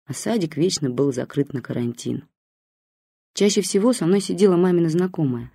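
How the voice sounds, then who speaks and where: Calm female audiobook narrator, mellow dark tone, dry studio sound. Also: low-pitched, dry recording. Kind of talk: first-person story narration.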